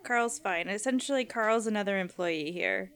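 A woman's voice: medium pitch, moderate pace, fairly bright tone, clear, resonant tone. A woman playing her character in a tabletop role-playing game, talking casually with a drawl. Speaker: player.

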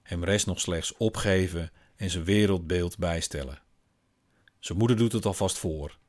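A man, a father, reading a first-person literary story in a calm, wry, observant manner. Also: low-pitched, a little slow. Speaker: father and narrator.

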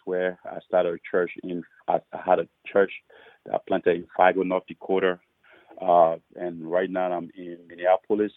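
Low raspy pastor guy from liberia, earnest, repeats himself, tinny phone sound. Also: no room sound. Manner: earnest, repeats words when starting sentences. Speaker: pastor and author. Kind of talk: podcast interview testimony. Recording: muffled phone-like line.

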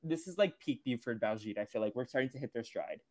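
A man's voice: medium pitch, expressive, quick pace, darkish tone. A man co-hosting a podcast, casually recapping a cartoon episode in a loose, rambling way. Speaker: podcast co-host.

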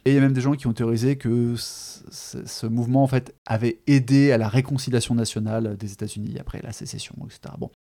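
Guy hosting a podcast, warm dark voice, lots of ums and restarts, easygoing chat. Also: medium pitch, fairly even intonation, fast, hardly any pauses. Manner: hesitant, many fillers and restarts, chatty asides. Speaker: podcast host. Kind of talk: casual literary chat.

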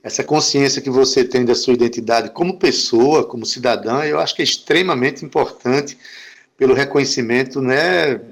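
A man's voice: medium pitch, normal speed. A man with a mid-range voice hosts an interview. He asks long, rambling questions and praises his guest often. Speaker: interview host. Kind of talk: talk show interviewing.

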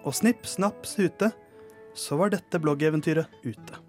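A man's voice: fairly high pitch, over music. A man reading a comic modern fairy tale aloud as a host, playing the characters' lines with voices. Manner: storytelling with acted voices and laughs.

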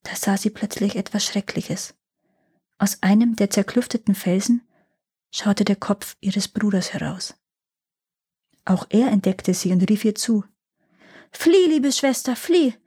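A woman reads a fairy tale aloud at a calm, measured pace. Her voice sits at an ordinary middle pitch for a woman. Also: slightly rough. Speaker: storyteller.

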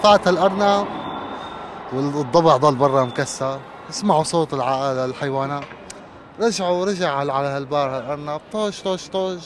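Lively joke teller on a street. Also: male voice, a little high, fairly quick. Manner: lively, rising into punchlines. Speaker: passer-by telling jokes. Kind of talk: joke telling. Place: city street outdoors. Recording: street traffic noise.

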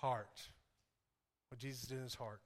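A man's voice: medium pitch, fairly even intonation, normal speed. A man preaching an informal, impassioned sermon to a congregation, repeating phrases for emphasis and dropping in conversational asides.

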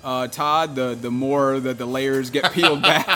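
A man's voice: mid-range voice, steady tone, a little slow, bright, forceful tone, a little hiss or hum. A man hosting a casual podcast at a brewery, rambling with lots of fillers and repeated words. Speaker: podcast host. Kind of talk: casual chat. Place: brewery taproom.

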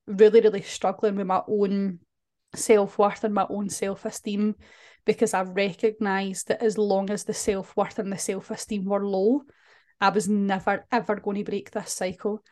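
A woman's voice: mid-range voice, little pitch movement, moderate pace, darkish tone. Earnest woman, candid guest. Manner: earnest, candid, frequent restarts. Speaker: podcast guest and client. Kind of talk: podcast conversation.

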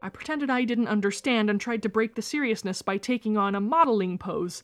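Woman narrating a first-person story. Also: medium pitch. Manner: steady, measured storytelling. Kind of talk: reading a first-person memoir aloud.

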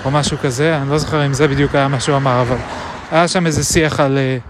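A man recording a reflective spoken diary outdoors, musing aloud with many pauses and hesitations. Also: medium pitch, steady tone. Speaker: video diarist. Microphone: action camera. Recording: traffic noise outdoors.

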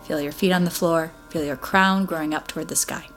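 Low-voiced woman leading a Pilates class. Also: fairly even intonation, a little fast, faint music behind. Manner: encouraging, step-by-step cueing. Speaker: Pilates instructor. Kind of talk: guided exercise class instruction.

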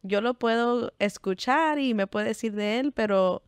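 Woman from Texas, young adult, guest in a casual interview, English fillers in her Spanish, smooth clear tone. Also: on the high side, a little slow, dry recording, studio quality. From Texas, United States.

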